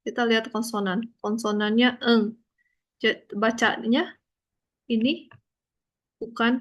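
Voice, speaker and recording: A woman teaching a language lesson, explaining slowly and patiently and checking often that her student understands. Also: a little high, flat delivery, highs cut off. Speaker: Korean teacher.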